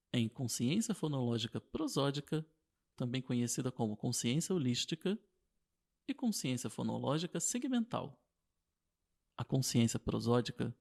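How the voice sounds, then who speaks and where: Gravelly man reading a lesson. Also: mid-range voice, a little mellow. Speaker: teacher. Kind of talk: scripted lesson narration.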